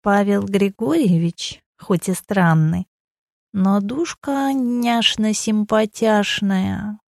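A woman's voice: medium pitch, measured pace, darkish tone, dry recording, clean studio sound, lightly acted. A woman voicing a playful young woman who teases her friends and flares up when pushed. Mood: sleepy. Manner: teasing and wheedling, flaring into anger. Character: sleepy playful young woman with a fiery temper.

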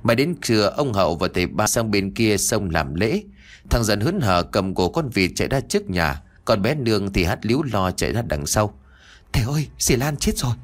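A male storyteller reading a horror tale aloud. His voice sits fairly low, and his pitch swings widely as he tells the story in a steady, dramatic way. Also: moderate pace.

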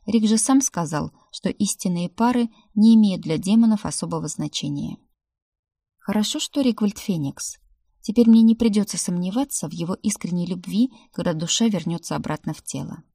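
A woman narrating a first-person audiobook in a calm, even storytelling manner. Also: on the low side, normal speed, slightly rough, no echo, clean studio sound.

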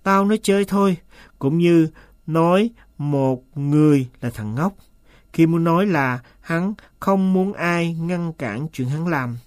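Fretful master for an audiobook, shrill and hissing when crossed, read by a man, dry close sound. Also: unhurried, dry recording, close to an everyday voice. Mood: coaxing. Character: anxious, agitated man, master of a servant.

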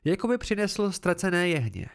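Stern female sword mentor, blunt and lively-voiced, as a male reader puts her on for an amateur audiobook. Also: high-pitched, gravelly, exaggerated voice. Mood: instructive. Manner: blunt, instructive, measured.

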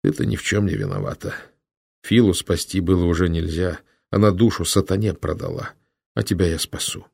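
A man's voice: low voice, fairly even intonation, a little fast, creaky, darkish tone, husky, dry recording, studio quality, full character voice. A man voicing a grim young prince bent on vengeance, speaking sternly in an audiobook. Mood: tender. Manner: stern, heavy-hearted speech. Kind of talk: audiobook character voice.

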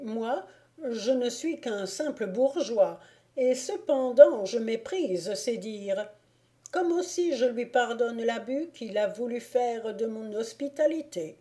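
A woman reading a storybook voices a meek, kindly little bailiff who speaks gently and naively. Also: a little high.

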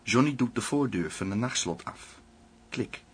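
A man narrating a screenplay aloud in a calm, measured reading, including stage directions. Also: mid-range voice, slight background noise.

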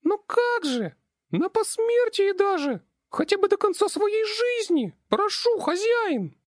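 A squeaky pleading imp girl, as a man puts her on. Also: big pitch swings, slow pace, no echo, clean studio sound, exaggerated voice. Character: squeaky pleading female imp demon servant. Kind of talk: audiobook reading.

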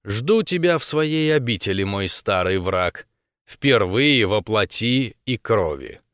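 A man voicing a cold, scheming male artificial intelligence that speaks in a slow, measured, menacing way. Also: fairly low pitch, animated, a bit bright, clear, resonant tone, no room sound, clean studio sound. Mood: cold, taunting.

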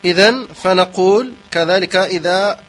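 A man teaching Quranic pronunciation, slowly repeating words and chanting short verses to contrast right and wrong sounds. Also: high voice, fairly bright tone, rough recording. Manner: chants Quranic phrases in a melodic recitation. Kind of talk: tajweed lesson with recited examples.

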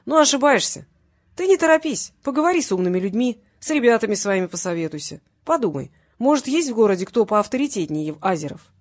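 A woman's voice: a little high, very animated, fast. A woman voicing a cheerfully menacing tough guy. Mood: mocking. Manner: mocking, cheerful threats. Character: cocky, jokingly menacing male tough guy.

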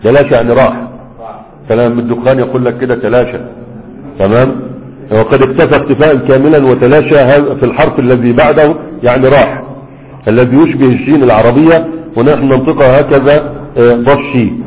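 A man's voice: medium pitch, steady tone, fast talker. A man with an Egyptian Arabic accent teaching a classroom lesson, explaining a text and asking and answering his own questions. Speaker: sheikh teaching Arabic morphology. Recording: muffled lecture recording with long hall echo.

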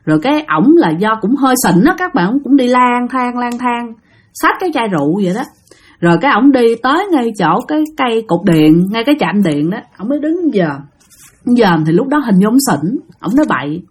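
Southern vietnamese lady telling ghost stories, super lively voice, talks right to you. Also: on the high side, a little fast, breathy edge. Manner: chatty, addressing listeners directly, acting out voices. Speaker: storyteller. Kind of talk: ghost story narration.

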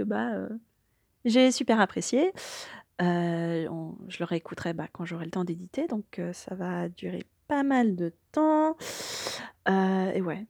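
A woman's voice: lowish voice, a little mellow, no echo. Woman, young adult, casual afterword, rambling, hesitant, dry close recording. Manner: rambling and hesitant, many fillers. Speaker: podfic reader.

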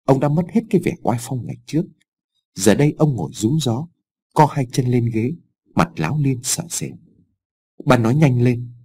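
A man narrating a story for an audiobook, in an expressive storytelling manner. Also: mid-range voice, normal speed, husky.

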